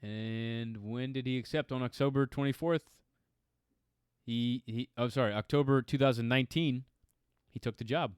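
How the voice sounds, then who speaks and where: A man's voice: mid-range voice, steady tone, moderate pace, smooth, no room sound, clean studio sound. A man co-hosting a soccer podcast, chatting casually and swearing freely. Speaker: podcast co-host. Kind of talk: casual chat.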